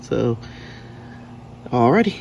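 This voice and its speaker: With a mid-range, sing-song voice that is slow, a little mellow and edged with vocal fry, a DIY car repair vlogger casually explains his repair to the camera step by step as he works. The workshop is noisy, with sounds like vehicles in the background.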